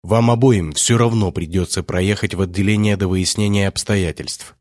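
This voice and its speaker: A man voicing a measured police chief who speaks in a cold, formal tone. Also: deep voice, fairly even intonation, dry recording, clean studio sound, natural voice.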